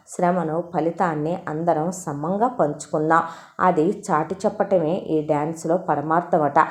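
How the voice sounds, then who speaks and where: A woman reading a story aloud in steady, expressive narration. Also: lowish voice.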